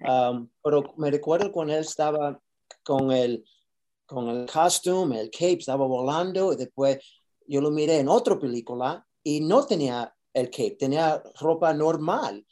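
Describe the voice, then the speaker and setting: Bilingual man with a dark, mellow voice. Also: fairly high pitch. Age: adult. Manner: mixes Spanish with English phrases; halting, searches for Spanish words. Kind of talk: casual interview talk.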